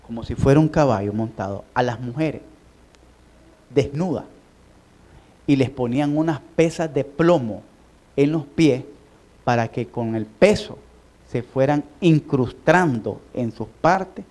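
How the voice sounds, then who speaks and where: A man, a pastor preaching a sermon, moving from quiet personal storytelling to emphatic appeals. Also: mid-range voice, a little slow, long pauses, poor audio. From Nicaragua. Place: church sanctuary.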